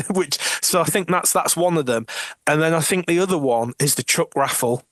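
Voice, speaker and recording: A man co-hosting a podcast, retelling TV scenes in casual chat, animated, laughing often and restarting his sentences. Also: a little high, normal speed, dry recording, studio quality. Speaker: podcast co-host.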